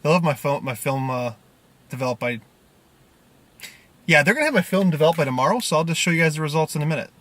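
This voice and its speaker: A man's voice: on the high side, animated, fast talker, long pauses, fairly bright tone. A man in his thirties chatting to camera as a vlogger inside a car, loose and rambling. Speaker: film photography vlogger. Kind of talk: casual chat to camera. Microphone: camera mic at arm's length.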